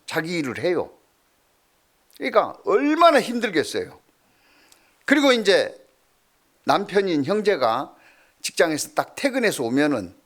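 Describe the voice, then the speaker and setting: Lively storytelling male pastor. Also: high voice. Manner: storytelling with lively swings from loud to hushed. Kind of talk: sermon.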